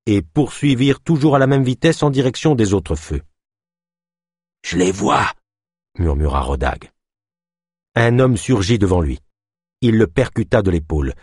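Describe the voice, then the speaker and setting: A man's voice: medium pitch, a little mellow, slightly rough, no echo, studio quality. A man narrating an adventure story as an audiobook, reading expressively.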